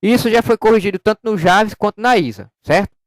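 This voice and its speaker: A man talks casually through a software tutorial, explaining each step and testing his microphone with short repeated words. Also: sits high, a little fast, dry recording. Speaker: software developer demoing his program. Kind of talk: casual screen-recorded tutorial. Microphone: studio microphone through an audio interface.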